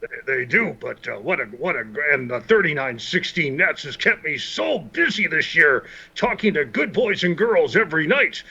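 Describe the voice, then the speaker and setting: A hearty, jolly old Santa Claus, as a man plays him over a muffled video call. His bright, sharp voice swoops up and down with booming ho-ho laughs. He teases and jokes playfully. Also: big pitch swings, normal speed, gravelly, husky, full character voice. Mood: friendly.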